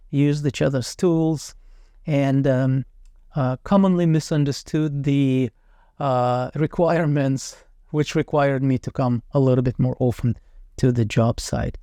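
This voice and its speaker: A man narrating an informal project review as a renovation company representative, speaking in a somewhat halting way with self-corrections. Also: on the high side, dark tone, clean tone, dry recording.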